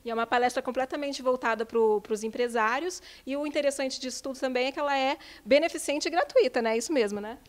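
A woman's voice: sits high, fast, few pauses. A young Brazilian woman hosting a TV interview with an upbeat presenter delivery, holding a handheld mic in an office. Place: office with bookshelves, indoors.

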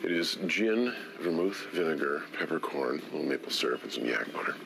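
A man's voice: very deep voice, animated, fairly quick, gravelly, a bit bright, exaggerated voice, rough recording. An actor playing a crude, cocky, childish man in a TV action comedy, with a goofy, profane manner. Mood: casual. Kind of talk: TV series comedy acting.

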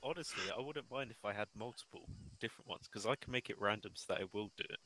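A man chatting casually while playing a co-op game, swearing and rattling off quick bursts of talk. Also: lowish voice, sharp tone, no echo, rough recording. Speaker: player and mission maker.

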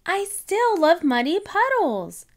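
Woman doing a high excited little pig girl, storybook voice, bouncy and slow. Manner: eager, excited questions. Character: cheerful little girl piglet.

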